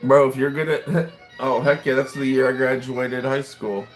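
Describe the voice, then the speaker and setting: An American man in his late thirties chats and rambles on a livestream while waiting for his food at a restaurant, responding to viewers' comments. His voice is medium-pitched and level, at a moderate pace, with faint classical music playing in the background.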